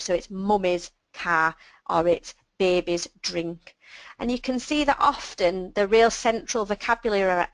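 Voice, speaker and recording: A woman presenting a webinar on child speech and language, explaining patiently and clearly with simple examples. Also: medium pitch, a bit bright, dry recording, rough recording.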